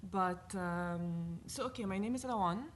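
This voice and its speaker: An earnest woman with a Lebanese accent speaks on a panel at a university event. Her voice is fairly low and unhurried with a slight hiss or hum, and she is animated, thinking aloud with fillers.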